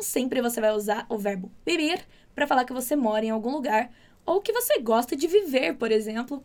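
A woman from Brazil giving a chatty, upbeat Spanish lesson, drilling words slowly and repeating them. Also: on the high side. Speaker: Spanish teacher. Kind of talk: casual online language lesson.

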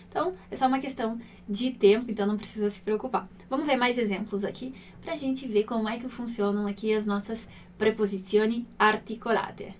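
A woman's voice: high-pitched, far from the mic. Patient Brazilian woman teaching Italian. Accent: Brazilian Portuguese. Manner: patient, with many checks like "né?" and "ok?"; slows down to spell out example phrases. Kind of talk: explaining Italian grammar to Portuguese speakers.

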